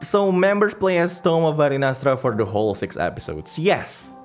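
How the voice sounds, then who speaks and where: With background music playing, a livestream host chats casually, reading out donations and comments. He halts and rambles while hunting for words, in a fairly high-pitched, sing-song voice.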